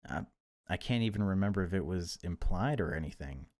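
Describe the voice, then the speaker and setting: This gaming host has a low, darkish voice and talks a little fast and with plenty of animation. Playing a horror visual novel with its music in the background, he dramatizes the game's text and then comments casually.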